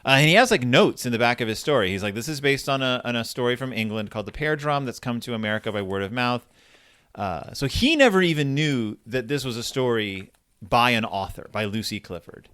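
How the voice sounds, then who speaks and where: A man hosts a podcast, talking through books casually, rambling and interrupting himself with an explainer's enthusiasm. His medium-pitched voice has lively intonation, a slightly fast pace and a fairly bright tone, recorded dry at studio quality.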